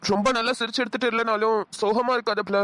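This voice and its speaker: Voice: mid-range voice, steady tone, fast talker, sharp tone, natural voice. A voice actor doing a protective young village husband. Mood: reassuring. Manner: coaxing, reassuring, rustic address. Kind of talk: cartoon voice acting.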